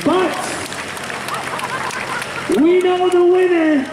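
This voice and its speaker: A man's voice: very high voice, flat delivery, measured pace. A man working as a tractor pull announcer, calling out to the crowd in a showy way at a live event. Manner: showy, calls out winners to the crowd. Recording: roomy distant PA, crowd and engine noise.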